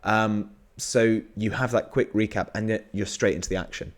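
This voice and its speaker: A British man with a somewhat low voice, talking films in a relaxed back-and-forth. He sounds enthusiastic and keeps nodding along out loud with quick agreements. His delivery is loose and conversational. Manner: enthusiastic, frequent agreeing backchannel. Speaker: film review podcast co-host. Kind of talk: casual chat.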